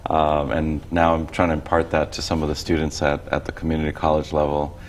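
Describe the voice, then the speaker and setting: Low male voice, from Costa Rica, teacherly guest who explains plainly. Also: monotone, brisk, a little hiss or hum. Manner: explanatory, conversational. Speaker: economics instructor, guest. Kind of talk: explaining casually on a talk show.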